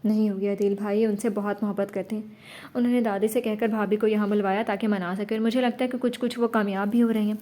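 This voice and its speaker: A woman voicing a young woman who is tearful and hurt, then softens. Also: mid-range voice, flat delivery, lightly acted. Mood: softened.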